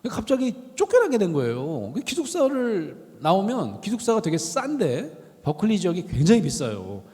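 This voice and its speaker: A man's voice: high voice, normal speed. A middle-aged man giving a storytelling lecture in a university chapel, acting out the voices he quotes. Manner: animated storyteller who acts out quoted voices. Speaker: guest lecturer, professor. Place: large university chapel hall. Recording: long reverb of a large hall.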